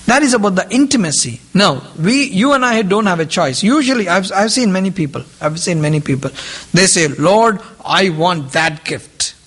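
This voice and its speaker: Preaching to a group in English, which is not his native language, a man repeats important phrases and asks his audience questions. His voice sits high, a bit bright and husky, expressive, at a normal speed.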